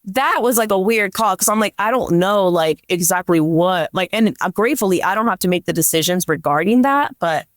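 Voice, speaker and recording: This woman, a police dispatcher guesting on a podcast, recounts work anecdotes informally, full of "like" and quoted lines. Her medium-pitched voice is lively and a little fast with hardly any pauses, captured in clean, echo-free studio sound.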